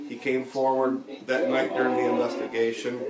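A man in his forties talking casually and haltingly to a camera across a desk, as host of a spirit session. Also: medium pitch, monotone. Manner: halting, many pauses. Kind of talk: casual vlog talk, addressing spirits. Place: small home room with guitars. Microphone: camera a few feet away across a desk. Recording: echoey room, distant mic, loud background chatter.

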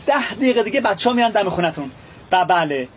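Pompous handyman, proud and touchy, slightly high voice, muffled film sound with clear background noise. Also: lively intonation. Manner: pompous, ceremonious formal speech. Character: self-important male handyman, touchy and proud. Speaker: building handyman.

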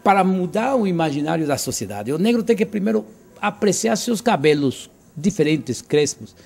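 A man's voice: sits high, sing-song, normal speed, gravelly, darkish tone. An older man from Cuba, answering interview questions earnestly and emphatically, often repeating and restarting words, recorded indoors on a handheld mic. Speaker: interviewee, author. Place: living room, indoors. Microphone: handheld mic held by interviewer.

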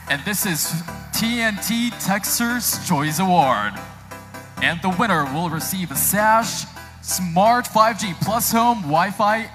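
A pageant host announcing formally, in a ceremonious, drawn-out way. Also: mid-range voice. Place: on stage in a large gym. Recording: music behind, live gym PA.

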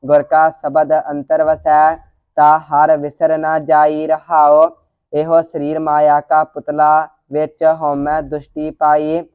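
A student slowly reciting scripture line by line in a steady monotone. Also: medium pitch, smooth, no echo, phone-quality sound. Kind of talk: slow chanted scripture recitation.

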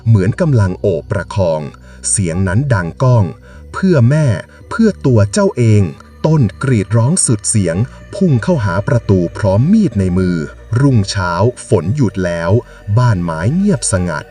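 A man's voice: lowish voice, sing-song, moderate pace, hardly any pauses, mellow. A man narrating a ghost story in a dramatic, suspenseful way. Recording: distant mic with music underneath. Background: background music.

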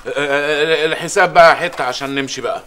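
A man's voice: on the high side, fast, sharp tone, smooth. A man acting a bumbling, hesitant café customer in a comedy sketch, fumbling over sums.

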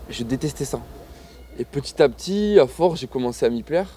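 Young man, dark soft reflective voice. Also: medium pitch, animated, brisk, a little hiss or hum. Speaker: rugby sevens player. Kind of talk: casual interview.

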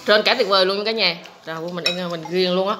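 A woman's voice: fairly low pitch, fairly quick. A woman with a southern Vietnamese accent chatting casually to viewers over a meal, recorded on a phone across the table. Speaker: vlogger tasting spicy noodles. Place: tiled home dining room open to outdoors. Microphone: phone camera across the table. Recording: noisy room, phone recording.

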